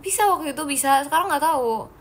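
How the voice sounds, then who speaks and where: A fast-talking young woman with a high voice and lively intonation reads comments from her live stream. Giggly and playful, she teases her audience and refers to them as "guys" in casual chat.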